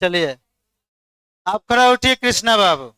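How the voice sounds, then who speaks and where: A high, bright-voiced man lectures a class at an unhurried pace. He keeps urging students to look carefully and quizzes them one by one. His voice is smooth and clear, recorded close and dry. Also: lively intonation, no echo. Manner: coaxing, repeats "dekhiye" to hold attention, quizzes students. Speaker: chemistry teacher.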